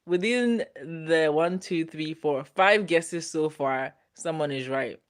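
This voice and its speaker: Her voice sits low and she takes things slowly. This twentysomething livestream host from Ghana reads viewer comments out loud in a playful, teasing manner, laughing frequently during the casual stream.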